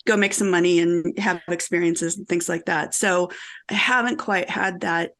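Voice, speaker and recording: A middle-aged woman from the American Midwest, a guest author telling stories in a casual podcast conversation, animated and quick to laugh. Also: lowish voice. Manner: animated storytelling, laughs often.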